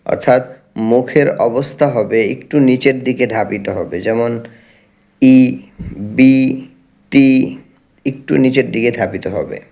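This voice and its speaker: A man's voice: mid-range voice, gravelly, lo-fi sound. A man teaching Quran reading, drilling Arabic letter sounds one by one in an instructional lesson. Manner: recites Arabic in a drawn-out chant.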